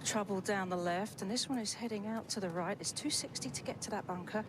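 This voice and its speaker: A woman's voice: mid-range voice, brisk. A woman giving live golf commentary, explaining shots and situations conversationally as she thinks aloud. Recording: outdoor ambience noise behind voice.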